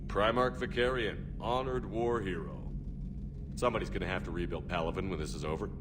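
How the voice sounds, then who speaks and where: A man's voice: low voice, a little fast, natural voice. An actor playing a decisive male starship commander in a video game, firm and plainspoken. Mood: steady, direct. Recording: clearly noisy game ambience.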